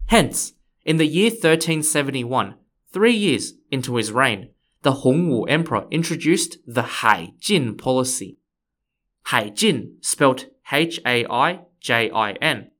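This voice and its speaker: A man's voice: mid-range voice, expressive, takes it slowly, a bit bright. Man narrating a history podcast. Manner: conversational, playful asides to listeners.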